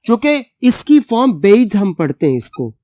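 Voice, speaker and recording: An English teacher who reads a text aloud slowly, explains it at length and spells words out letter by letter. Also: mid-range voice, big pitch swings, mellow, no echo.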